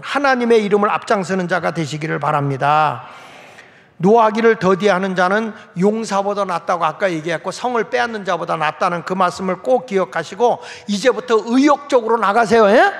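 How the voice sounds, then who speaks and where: Gravelly high-voiced male pastor preaching. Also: fairly bright tone. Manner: folksy preaching with rhetorical questions to the congregation. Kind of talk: sermon. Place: church sanctuary. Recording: long reverb of a large hall.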